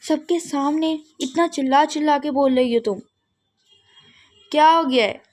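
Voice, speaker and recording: A high-voiced young girl student who snaps back at a friend and will not be told what to do, as a woman voices her in a doll game role-play. She talks in indignant, clipped retorts. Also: unhurried, a little mellow. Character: young female student, sharp and suspicious.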